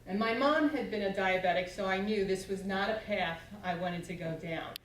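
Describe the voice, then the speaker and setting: A woman in her sixties shares a humorous personal testimony with a church audience, speaking at medium pitch and normal speed and acting out things she once said. The sanctuary recording is distant and echoey, with slight hiss or hum.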